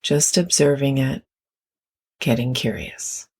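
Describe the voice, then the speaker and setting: A mid-range voice with a breathy edge leads a meditation, giving soft, unhurried guidance and leaving long pauses between phrases.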